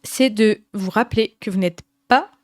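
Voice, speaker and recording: A young woman hosting a podcast, giving gentle, earnest advice in a casual way, with many fillers and restarts. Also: medium pitch, normal speed, no echo, clean studio sound. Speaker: podcast host.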